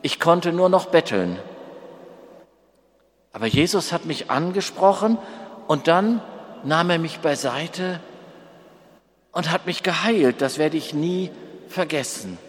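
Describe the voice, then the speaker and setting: A man's voice: fairly high pitch, animated, slow pace, pauses often, big-room sound, pitched above the performer's own voice. A man voicing a grateful man, once nearly blind, who speaks earnestly in a storybook reading. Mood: heartfelt. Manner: earnest, heartfelt.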